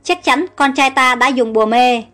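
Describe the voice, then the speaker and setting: A furious old king who barks harsh orders from his throne, read by a woman storyteller. The voice stays high, with faint music underneath. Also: moderate pace, sharp tone. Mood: stern. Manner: barking stern orders. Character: angry old male king, harsh and commanding.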